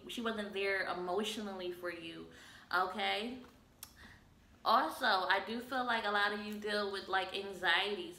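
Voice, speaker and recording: A woman's voice: medium pitch, pushed and bright, slight background noise. A woman giving a casual, chatty tarot reading to viewers, tired from being up late. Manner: chatty, slangy, addresses viewers as y'all. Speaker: tarot reader. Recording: echoey room, faint ambience.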